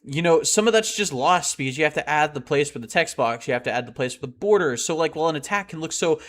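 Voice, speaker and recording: A young man streaming a game and chatting casually with his live chat, rambling and excitable and often laughing. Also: on the high side, quick pace, soft background music.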